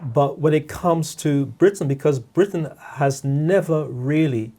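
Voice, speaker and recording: A middle-aged man from Guyana, speaking as a podcast guest in a reflective discussion, measured and repeating words, often checking in with "all right?". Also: a little high, warm tone.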